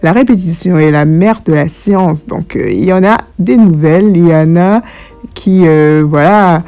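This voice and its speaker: Mellow-voiced woman chatting through a hair tutorial. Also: lowish voice, unhurried. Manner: informal, addresses viewers directly. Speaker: hair care vlogger. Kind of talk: casual chatty tutorial narration. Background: faint background music.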